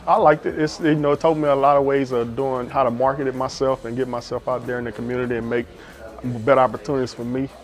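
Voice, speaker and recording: A man from Louisiana talks fast in a flat, even tone, plain and matter-of-fact. Faint music plays under him. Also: mid-range voice. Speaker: seminar student. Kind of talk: testimonial interview.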